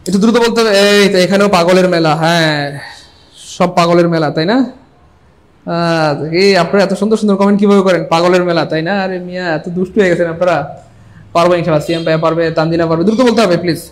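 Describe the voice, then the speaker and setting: A male English grammar teacher giving a live online class, animated and joking, and urging viewers to comment. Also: high voice, fast talker.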